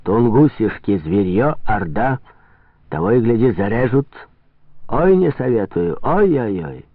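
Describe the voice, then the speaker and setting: A man's voice: very animated, a little slow, dry recording. A man voicing a fat, wheezing foreign merchant with a nasal, guttural voice in a storybook reading. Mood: shouting. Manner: shrill, shouting, indignant. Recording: tinny phone-like sound.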